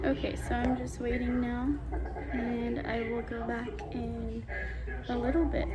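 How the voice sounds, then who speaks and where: A young woman narrates her day in a casual vlog. Her voice sits a little high and she talks informally, cutting into her own sentences. There is clear background noise on the recording. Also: monotone, unhurried, highs cut off. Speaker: stay-at-home mom vlogger.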